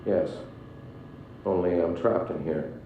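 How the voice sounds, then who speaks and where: A detached, evasive game scientist speaks in a low, halting voice. It sounds muffled and heavily echoed, with some noise beneath. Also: male voice, fairly even intonation. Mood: guarded, detached. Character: guarded, eerily detached male research scientist. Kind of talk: video game voice acting.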